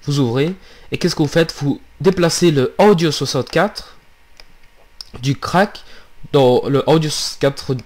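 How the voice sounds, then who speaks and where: A man casually narrating a software tutorial, hesitant and halting as he talks through each click. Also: medium pitch. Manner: hesitant, many fillers and restarts, steps through clicks. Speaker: tutorial maker.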